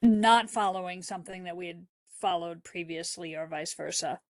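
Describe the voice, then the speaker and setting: A woman's voice: lowish voice, fairly even intonation, moderate pace, dry recording. A woman board member on a video call, speaking in a careful, hedging way during a meeting discussion.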